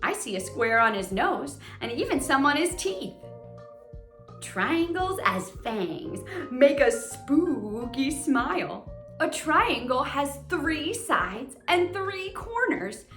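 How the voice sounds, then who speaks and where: High-pitched, very animated and a bit bright, this woman hosts a kids' lesson and story reading. She speaks in an exaggerated way aimed at children, posing questions and waiting for replies, in an echoey room with plucked guitar playing.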